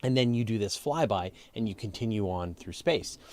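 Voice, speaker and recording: The host of a live astronomy and space Q&A, this man has a fairly low, a little mellow voice, lively intonation and normal speed. He walks through answers step by step in a casual, conversational manner and leans on key words.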